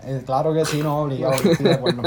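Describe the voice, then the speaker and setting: A young man with a Puerto Rican accent hosting a casual podcast, relaxed and slangy as he recommends music and shows. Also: fairly high pitch, rapid-fire, over a noisy crowd. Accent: Puerto Rican Spanish. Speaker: podcast host. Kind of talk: casual chat. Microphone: remote call mic.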